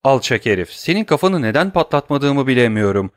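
A man's voice: mid-range voice, very animated, fairly quick, no echo, clean studio sound, voice pushed up, natural voice. A man voicing a stern commanding disguised nobleman. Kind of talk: audiobook character voice.

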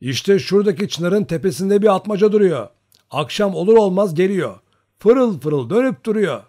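A man putting on a young Cossack prankster who keeps up his teasing with sly insistence. His voice rides raised and lively. The young man sounds pleased with his own joke. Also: high voice, moderate pace, voice pushed up.

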